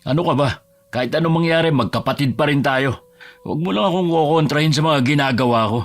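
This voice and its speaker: A man's voice: on the high side, fast, natural voice. An actor playing a bus driver and husband who has turned curt and defensive, snapping and raising his voice. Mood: gentle. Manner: curt, bristling, flares into shouting. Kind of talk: audio drama acting. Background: music.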